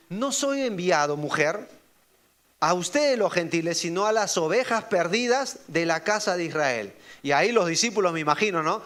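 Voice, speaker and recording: A pastor preaches a sermon, asking his congregation rhetorical questions. He acts out the voices he quotes, and his pitch jumps sharply as he does.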